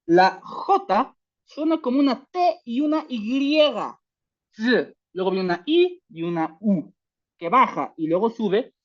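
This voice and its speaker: A woman teaching a language class online, slowing down to demonstrate each sound. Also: fairly high pitch, very animated, dull audio.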